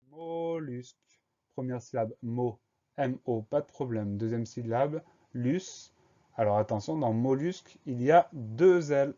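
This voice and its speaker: A man teaching a spelling lesson for young schoolchildren, going slowly and spelling each word letter by letter. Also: mid-range voice, warm tone, dull audio. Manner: slow, spells words letter by letter.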